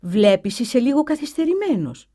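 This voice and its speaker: Woman voicing a schoolteacher, gentle, puzzled, questioning, storybook reading. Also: fairly high pitch, sing-song, voice pushed up.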